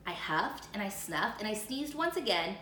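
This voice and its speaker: A woman's voice: mid-range voice, sing-song, normal speed, pushed and bright. A woman with an American accent voicing a chatty, indignant male wolf who pleads innocence in a storybook read-aloud. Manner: folksy, indignant, self-justifying. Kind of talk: animated first-person storybook read-aloud. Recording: roomy echo with faint noise.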